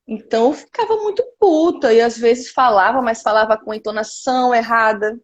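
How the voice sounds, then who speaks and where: A woman in her thirties with a Northeastern Brazilian accent, a cultural producer telling her story frankly and lively in an interview. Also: on the high side, brisk. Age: 30s. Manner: lively and frank, frequent "né" tags.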